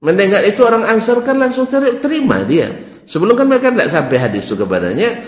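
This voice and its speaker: Animated Malay-accented preacher in echoey hall. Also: male voice, fast talker. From Malay region of Indonesia. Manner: animated, jumps high on key words, teasing asides. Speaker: preacher teaching a classical text. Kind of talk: sermon-style religious study lecture. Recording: roomy dull hall recording.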